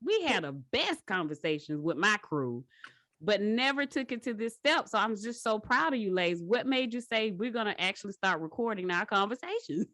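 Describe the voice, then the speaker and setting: Woman host, bright and expressive, dry close mic. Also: mid-range voice, normal speed, no room sound. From Georgia, US. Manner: animated, laughing storyteller. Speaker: podcast host. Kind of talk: casual chat.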